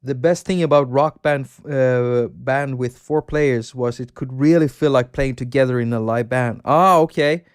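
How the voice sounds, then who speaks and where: This livestream host is a man from Sweden whose Swedish accent comes through in a clear, resonant, medium-pitched voice, moving at a moderate pace with few pauses. Casual and chatty, he rambles about games, reads out viewer chat and laughs often.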